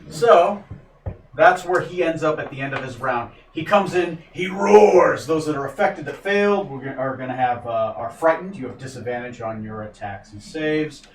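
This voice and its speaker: A man's voice: a little high, normal speed. A man running a tabletop game as dungeon master, casual and joking, with some swearing. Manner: casual, lively, swears and jokes. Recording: roomy, distant mic with faint noise.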